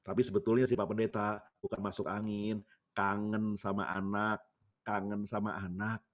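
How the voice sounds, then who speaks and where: A man's voice: on the low side, level tone, normal speed, close to an everyday voice. A man voicing a chatty neighbor who teases about an old woman. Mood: teasing. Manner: teasing, chatty.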